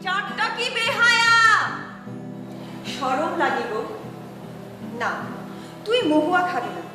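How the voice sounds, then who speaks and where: An actress playing a young woman who loudly rehearses melodramatic stage lines and snaps back at her neighbor. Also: very high-pitched, sing-song, slow, exaggerated voice. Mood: theatrical rehearsal. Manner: melodramatic chanting of rehearsed lines, sharp retorts. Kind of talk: comedy drama acting. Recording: echoey room with music behind.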